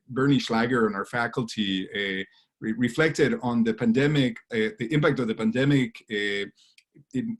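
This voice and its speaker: A man from Guatemala moderating an online church panel over a video call, speaking with frequent pauses and fillers. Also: medium pitch. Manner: warm, hesitant with many fillers. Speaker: webinar moderator.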